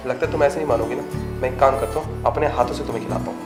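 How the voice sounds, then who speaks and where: A man playing a soft-spoken devoted guard husband. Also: medium pitch, fairly even intonation, rapid-fire, lightly acted. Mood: tender. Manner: soft, earnest, coaxing. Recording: clear background music.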